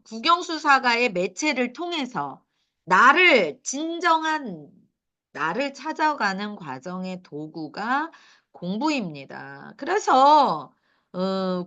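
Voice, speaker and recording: Middle-aged woman lecturer, high bright voice, animated delivery, quizzes the parents. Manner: animated, asks the audience questions, laughs at her own points. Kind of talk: lecture to mothers.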